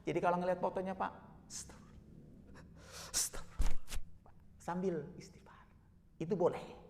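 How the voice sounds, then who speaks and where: A male Islamic preacher delivering an emotional sermon, swinging from soft murmurs to loud exhortation. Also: high-pitched, flat delivery, fast talker, gravelly, in a large hall, slight background noise.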